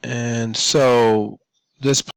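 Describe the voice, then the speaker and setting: A man, a student, talking over his own screen recording at a computer microphone, halting, with many ums and restarts. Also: mid-range voice, steady tone, vocal fry, smooth, no room sound. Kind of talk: narrating a screencast demo.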